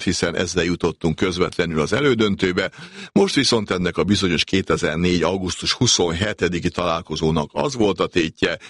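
A man's voice: low voice, a bit bright, dry recording, studio quality. A man presenting a scripted sports retrospective on the radio.

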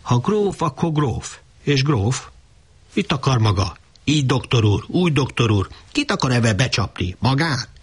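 A man's voice: mid-range voice, very animated, breathy edge. A man reading the part of a stout, angry peasant woman of about fifty with a Palóc accent, mocking and scolding.

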